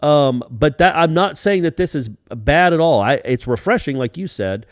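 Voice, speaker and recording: A man hosting a casual sports podcast, animated and rambling, with many restarts. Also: on the high side, normal speed, no room sound, studio quality.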